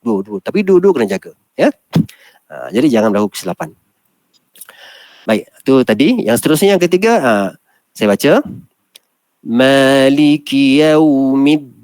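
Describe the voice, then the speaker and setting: A man with a Malaysian Malay accent teaching Quran recitation in a class, explaining patiently step by step and chanting verses slowly. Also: mid-range voice, huge pitch swings, vocal fry, darkish tone, no room sound.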